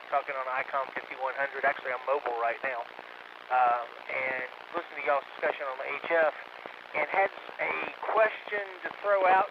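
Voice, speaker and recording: A man, checking in casually on a ham radio net from his vehicle, heard over a two-way radio with static, talking haltingly with many fillers. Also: fairly high pitch. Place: in a vehicle, mobile. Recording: muffled radio with static hiss.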